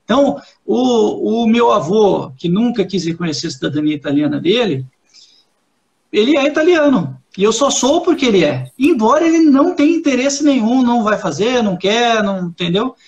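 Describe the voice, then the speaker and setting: A Brazilian man with a notably high voice hosts the talk and drives home each point with insistent emphasis. He explains things firmly and conversationally. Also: lively intonation, normal speed, vocal fry, highs cut off. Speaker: host.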